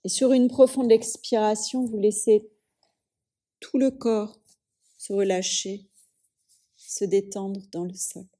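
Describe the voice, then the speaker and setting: Calm and soothing, a woman leads a yoga nidra relaxation in a mellow, relaxed voice of medium pitch. Her delivery is very slow, measured phrase by phrase, with long pauses in between.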